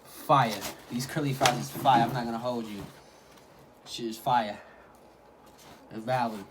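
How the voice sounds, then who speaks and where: A man's voice: mid-range voice, fairly even intonation, a little slow. A man talking casually in a food vlog, hyping things up in repetitive slang. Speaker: mukbang vlogger. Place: at home. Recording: clearly noisy home recording.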